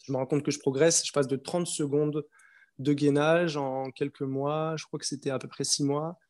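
A man's voice: fairly high pitch, little pitch movement, moderate pace, a little mellow. A man in his twenties, an interview guest, telling his story in a casual, hesitant way with many fillers and restarts. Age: 20s.

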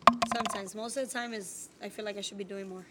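A woman's voice: mid-range voice, fairly even intonation, fast talker, background noise. A woman fitness trainer as a podcast guest, friendly and laughing often. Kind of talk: casual podcast interview.

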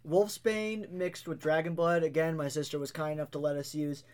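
A man's voice: fairly high pitch, steady tone, a little fast, darkish tone. A man co-hosting a podcast in casual chat, tossing out dry, teasing wisecracks. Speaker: podcast co-host.

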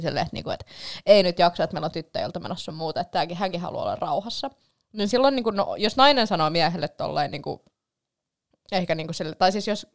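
A young woman telling a long story in a casual chat, rambling with lots of fillers and the odd swear. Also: lowish voice.

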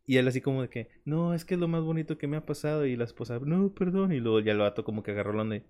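A man's voice: medium pitch, very fast, clear, resonant tone. Slangy Mexican man telling stories. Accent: Mexican Spanish. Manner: slangy, animated storyteller. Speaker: podcast co-host. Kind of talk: casual chat.

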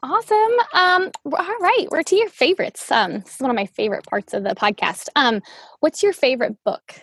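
Bubbly high-voiced woman hosting a podcast. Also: expressive, brisk, fairly bright tone. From New Orleans, US. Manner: upbeat, chatty, says "like" a lot. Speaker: podcast host. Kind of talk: casual podcast interview.

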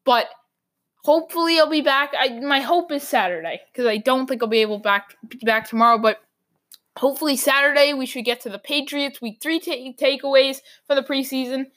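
A woman fires off irritated opinions on her sports talk podcast at a fairly quick clip. Her tone is fairly bright, her pitch slightly high, and her voice is wearing hoarse from talking so long.

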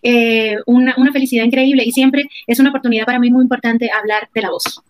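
A woman, a vocal coach answering interview questions, explaining warmly with everyday examples like a teacher. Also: on the high side, steady tone, fast talker. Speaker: vocal coach, podcast guest.

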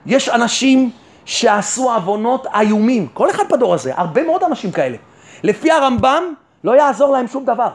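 Rabbi teaching a lesson, very high male voice, poses his own questions and answers them, pushes his point home. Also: sing-song. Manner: rhetorical questions answered by himself; addresses listeners warmly and directly. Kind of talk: Torah lesson.

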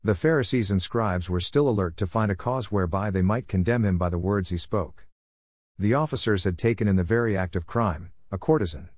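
Low-voiced man reading scripture aloud. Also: a little fast, darkish tone, no echo, clean studio sound. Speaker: audiobook narrator. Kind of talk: scripted narration of a religious text.

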